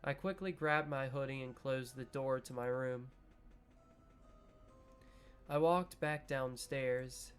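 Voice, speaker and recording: A man hosting a gaming video reads a visual novel aloud, then muses over the choices, talks to viewers while deciding and swears casually. His mid-range voice is slow and clean-toned with frequent pauses, and soft music plays in the background.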